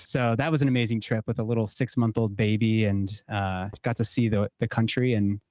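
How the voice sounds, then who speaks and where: A man's voice: lowish voice, steady tone, brisk, darkish tone, dry recording. A man in his thirties talking as a podcast guest, earnest and playful. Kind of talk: casual chat.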